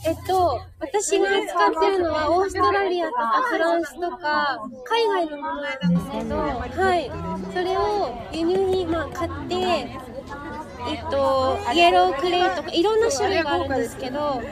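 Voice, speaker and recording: A woman's voice: very high-pitched, normal speed. A woman live streaming from an outdoor market stall, chatting to listeners and serving customers in a polite, welcoming customer-service voice. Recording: busy outdoor crowd noise behind. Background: crowd chatter.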